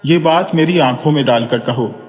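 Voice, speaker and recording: A man's voice: on the high side, moderate pace, natural voice. A man voicing an affectionate, playful young male professor in a storybook reading, coaxing and teasing. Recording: dull reverberant recording, soft music.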